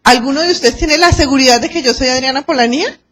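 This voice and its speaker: A Colombian woman lecturing a class on arbitration, lively and acting out quoted exchanges and anecdotes. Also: high-pitched, fast.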